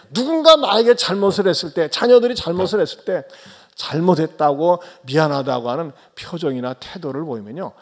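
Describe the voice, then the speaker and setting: High-voiced pastor preaching with swings in volume. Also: male voice. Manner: swings between soft low asides and loud raised exhortations; questions and addresses the congregation directly. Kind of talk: Sunday sermon.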